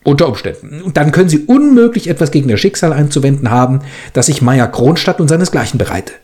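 German man reading a story, very animated. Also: on the high side, fast talker. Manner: acts out both quarrelling characters; chatty, amused commentary with laughs. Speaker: reader of a story. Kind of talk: dramatic reading with commentary.

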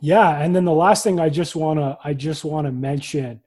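A man's voice: fairly high pitch, normal speed, warm tone, slightly rough. A man hosting a podcast panel over a video call, upbeat and enthusiastic as he thanks his guests. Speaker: podcast host. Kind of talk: casual panel chat.

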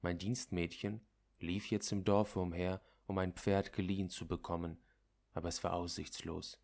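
Deep-voiced man reading literature aloud. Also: little pitch movement, creaky, darkish tone. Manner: measured, dramatic storytelling. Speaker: narrator.

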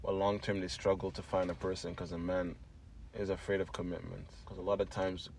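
A man's voice: low voice, level tone, brisk, gravelly, darkish tone, a little hiss or hum. A young man co-hosting a podcast, giving blunt, joking opinions with slang in casual chat. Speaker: podcast co-host.

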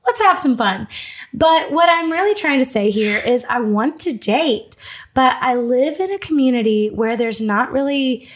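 A woman's voice: high-pitched, expressive, normal speed, slight background noise. A woman in her twenties hosting her own podcast, chatting casually and laughing often at herself. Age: 20s. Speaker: podcast host.

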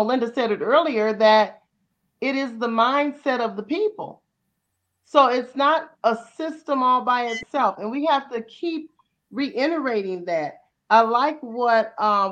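Woman pastor, slightly high voice, sermon-style delivery, muffled lo-fi call sound. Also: fairly bright tone. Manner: preaching cadence with repeated rhetorical questions. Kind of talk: panel discussion comments.

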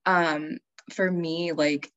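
A young woman talks in a low, easygoing register, full of fillers and quick laughs. The sound is close and dry, with no room around her voice. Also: fairly even intonation, a bit bright, no echo, dull audio. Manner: chatty, many fillers, laughs often. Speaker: licensed counselor, podcast guest. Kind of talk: casual chat.

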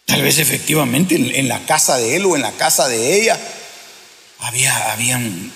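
Gravelly preacher in a hall. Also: male voice, medium pitch, animated, moderate pace, fairly bright tone. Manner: preaching with acted-out quotes and many restarts. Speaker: pastor. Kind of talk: sermon.

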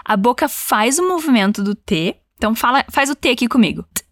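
A woman teaching an English lesson, giving encouraging prompts and modelling phrases slowly for the listener to repeat. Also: fairly high pitch, big pitch swings, no room sound.

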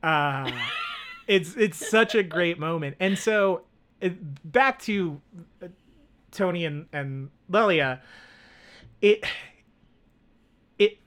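A man's voice: high-pitched, expressive, takes it slowly, long pauses, a bit bright. A man co-hosting a film podcast, talking casually with lots of fillers and restarts. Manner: rambling, many fillers and restarts. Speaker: podcast co-host.

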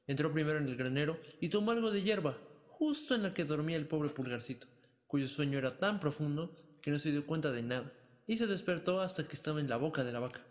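A man reading a fairy tale aloud in an even, expressive storyteller manner. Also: a little high, fast talker. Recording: long hall reverb.

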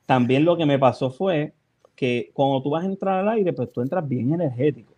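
A man, a radio DJ guest on a podcast, telling stories in a lively way and acting out his own reactions. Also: fairly high pitch, moderate pace. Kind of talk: casual podcast storytelling.

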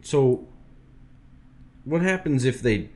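A man's voice: medium pitch, lively intonation, takes it slowly, a little mellow. Wry, joking male podcast co-host. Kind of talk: casual political podcast chat.

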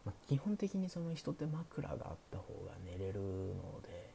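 A man streaming soft, sleepy bedtime talk, hushed and often slipping into a half-whisper. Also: lowish voice, big pitch swings, normal speed, creaky. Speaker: streamer, show host. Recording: faint background hiss.

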